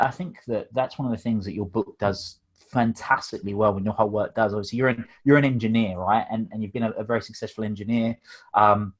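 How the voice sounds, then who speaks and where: A man hosts a podcast interview in a mid-pitched voice. He asks his questions in a pragmatic, chatty way, leaning on fillers and restarts as he goes. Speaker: podcast host and coach.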